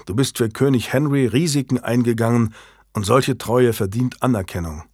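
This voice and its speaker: Man reading a medieval lord, calm, earnest, generous, mid pitch, dry audio. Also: normal speed, slightly rough, no room sound, lightly acted.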